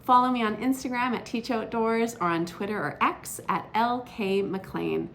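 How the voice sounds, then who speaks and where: A woman who is an outdoor educator, explaining a classroom skit in a lively, instructive way. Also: fairly high pitch, moderate pace, vocal fry, slight background noise. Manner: lively, explanatory teacher talk. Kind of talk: instructional video for teachers.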